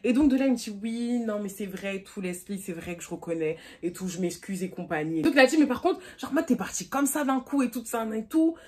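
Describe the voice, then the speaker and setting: Young woman from france, slangy storytime vlog, higher voice, acts out the dialogue, phone camera. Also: brisk, hardly any pauses. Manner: animated, slangy, acts out both sides of dialogue. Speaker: YouTuber.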